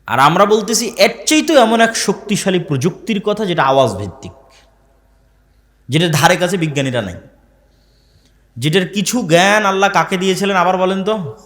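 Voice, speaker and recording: A man's voice: high voice, animated, normal speed, long pauses, a bit bright. A man preaching a sermon to a live audience, asking the crowd questions and repeating key phrases. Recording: long hall reverb.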